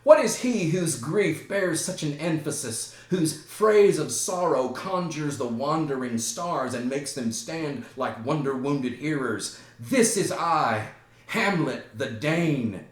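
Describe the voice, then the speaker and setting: A man voicing a grief-wild young prince, declaiming loudly and rising to outbursts. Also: lowish voice, expressive, measured pace, few pauses, reverberant. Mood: defiant.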